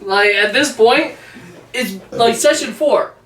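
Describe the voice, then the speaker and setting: A man's voice: extremely high pitch, takes it slowly, sharp tone. A man running a tabletop game, chatting casually and wryly with his players. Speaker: game master. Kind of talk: casual chat among friends. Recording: echoey room, far from mic.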